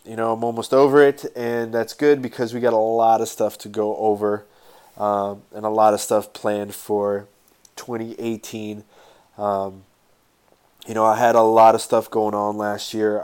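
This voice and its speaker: A man's voice: lowish voice, a little mellow, clear, resonant tone. A man hosting a podcast solo in casual talk, sounding congested with a stuffed-up nose and breathing through his mouth. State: stuffed-up nose, getting over a sinus infection. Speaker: podcast host.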